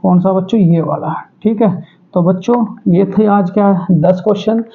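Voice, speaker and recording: A man's voice: high voice, moderate pace, creaky. A male teacher giving an online exam-prep class, who asks students questions and repeats each answer. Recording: tinny phone-like audio.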